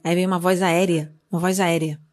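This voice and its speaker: A woman's voice: fairly low pitch, level tone, fairly quick, a little mellow. A woman with a Brazilian Portuguese accent interpreting a spiritual talk, retelling a sacred story with hesitations and self-corrections. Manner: hesitant, self-correcting, apologizing for lost words.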